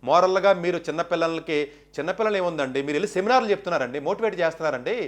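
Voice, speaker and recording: A man delivering an impassioned monologue, questioning his listeners with rapid, indignant rhetorical questions. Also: a little high. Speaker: education commentator.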